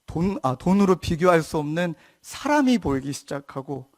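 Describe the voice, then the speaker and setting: A man in his thirties, a pastor, preaching a sermon as a story and dropping to a soft hushed voice when he quotes others. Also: on the high side, sing-song, normal speed.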